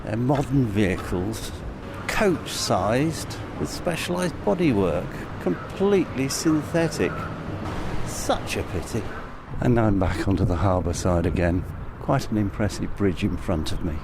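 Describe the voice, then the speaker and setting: Slow-spoken British man commenting on location. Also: lowish voice, animated, gravelly. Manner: measured, observational, pausing between phrases. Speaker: narrator of an audio travel journal. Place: outdoors on city streets and at a station. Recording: outdoor city noise, traffic.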